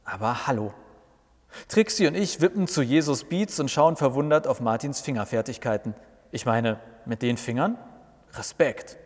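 A man's voice: medium pitch, moderate pace, darkish tone. A man reading a humorous scripted story with wry, dry asides, in a reverberant recording. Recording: long reverb.

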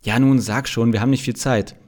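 A man's voice: mid-range voice, fairly even intonation, darkish tone, close to an everyday voice. A man voicing an impatient scolding woman. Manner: brisk, scolding.

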